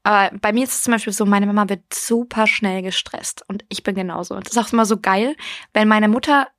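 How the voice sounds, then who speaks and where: A young woman chatting on a podcast who tells stories with a lot of energy and laughs often. Her pitch is mid range. The recording is close and dry. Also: fairly quick, no room sound. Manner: lively, laughing storyteller. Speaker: podcast co-host. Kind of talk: casual chat.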